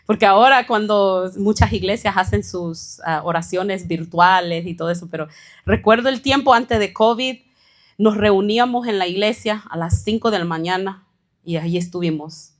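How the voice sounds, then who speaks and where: A woman's voice: mid-range voice, moderate pace. A woman pastor giving a sermon testimony, telling her story earnestly and acting out what others said. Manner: earnest storytelling with warm laughs and acted-out quotes. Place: church.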